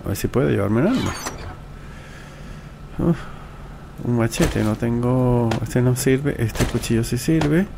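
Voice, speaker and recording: Male gamer, mid-pitched with vocal fry, casual self-talking commentary over noisy game ambience. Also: takes it slowly, long pauses. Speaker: gamer, let's play host.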